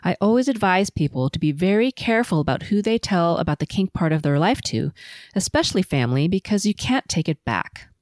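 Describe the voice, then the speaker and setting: A middle-aged woman from Los Angeles hosting a solo podcast, telling her life story in a measured, composed, prepared way. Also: fairly low pitch, big pitch swings, darkish tone, dry recording, clean studio sound. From Los Angeles, USA. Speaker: podcast host. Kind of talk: autobiographical solo podcast narration.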